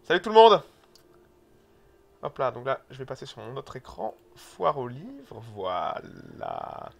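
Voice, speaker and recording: A man hosting a live stream, chatting casually and excitably, swearing now and then. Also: mid-range voice, slow pace, creaky, a little hiss or hum. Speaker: stream host.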